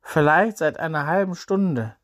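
A man's voice: fairly high pitch, expressive, unhurried, fairly bright tone, voice pushed up. A man voicing a young girl who has just been healed, in a spoken Bible story. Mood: happy. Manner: relieved, happy.

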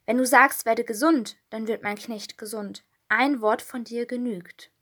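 A woman's voice: fairly high pitch, fairly even intonation, measured pace, fairly bright tone, breathy edge. A woman reading an earnest Roman captain. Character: Roman army captain, grown man, earnest and trusting.

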